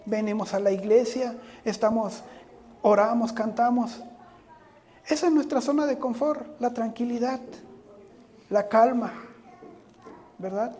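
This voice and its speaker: A man's voice: extremely high pitch, a little slow, pauses often, mellow. A man preaching a sermon, speaking earnestly, often putting rhetorical questions to the congregation and addressing them directly.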